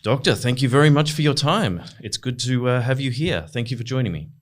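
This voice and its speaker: A man's voice: medium pitch, expressive, fairly quick. A man hosting an interview podcast, polite and formal. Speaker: podcast host. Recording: audio podcast.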